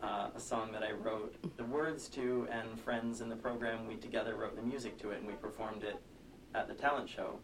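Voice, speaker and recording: An American man telling a story as an interview guest, measured and articulate, on a telephone connection. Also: fairly low pitch, fairly even intonation. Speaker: interview guest, singer and songwriter. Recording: distant, noisy phone connection.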